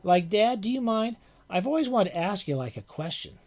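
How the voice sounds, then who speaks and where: A man's voice: high voice, sing-song, normal speed, darkish tone, voice pushed up, exaggerated voice. A man voicing a brash young adult son who talks casually, peppering his speech with "like.". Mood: curious. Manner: chatty, full of "like" fillers.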